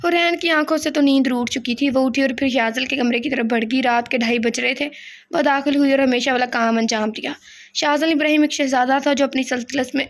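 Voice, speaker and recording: A woman reads a romance novel aloud as narrator. Her voice sits high and her delivery is steady, with small slips and restarts along the way.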